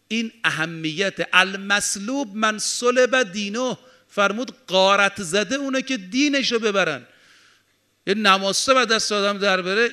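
A man delivers a sermon, his voice sitting high and sounding sharp and bright. He moves between calm explanation and emphatic, ringing peaks, often reciting Arabic sayings slowly before restating them. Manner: preaching with Arabic quotations, rising to emphatic peaks. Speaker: cleric.

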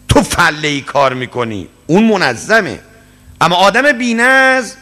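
A man preaching a sermon to young listeners, telling a story and acting out the voices in it, swinging between loud high peaks and low murmurs. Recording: long hall reverb.

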